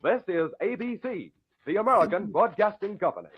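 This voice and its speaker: A male 1940s radio announcer with a high, very animated voice. He sells in a polished, emphatic way, every phrase carefully delivered. The sound is a dry, lo-fi vintage broadcast. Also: brisk, slightly rough, no echo.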